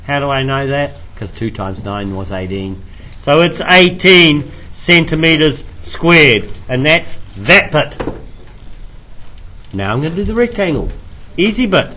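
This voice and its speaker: With a fairly high, pushed and bright voice, a man walks a classroom of students through a maths lesson one step at a time. He's casual, jokey and self-deprecating, with frequent coughs between phrases, captured in lo-fi sound.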